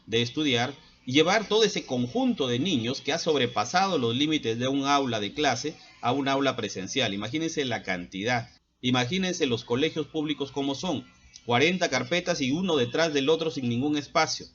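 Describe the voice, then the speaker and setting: A man's voice: medium pitch, lively intonation, moderate pace, a bit bright, dull audio. Middle-aged man lecturing parents. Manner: earnest and lecturing, with frequent hesitant fillers. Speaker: school psychologist. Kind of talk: advice talk to parents. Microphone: laptop.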